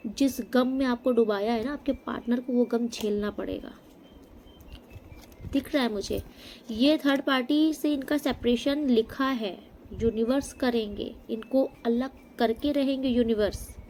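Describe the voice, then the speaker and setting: A woman's voice: on the high side, dark tone. Emphatic woman giving a tarot reading. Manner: emphatic, addresses viewer directly with frequent "okay?". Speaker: tarot reader. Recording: faint background noise.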